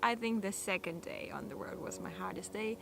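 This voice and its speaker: A woman, a touring cyclist, speaking English in a quiet, half-whispered way. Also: medium pitch, steady tone, moderate pace, background noise. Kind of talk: interview recollection. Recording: clear music behind.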